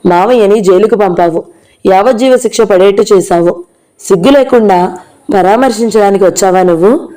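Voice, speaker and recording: A woman's voice: mid-range voice, moderate pace, dark tone, lightly acted, poor audio. A woman reading the part of an angry, grieving middle-aged mother who lashes out bitterly through tears, in an audio novel. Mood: bitter, accusing. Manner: bitter, accusing, tearful.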